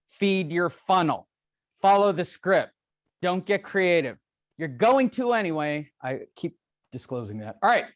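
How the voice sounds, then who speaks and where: A man's voice: fairly high pitch, no room sound, clean studio sound. A man coaching a real estate seminar in a brash, joking, profane way. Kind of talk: live seminar teaching.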